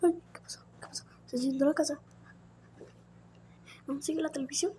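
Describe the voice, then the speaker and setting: A woman's voice: sits high, steady tone, fairly quick, mellow, slight background noise, voice pushed up, lightly acted. A woman voicing a sleepy, easygoing father woken by his children in a doll play story, speaking in a drowsy half-whisper.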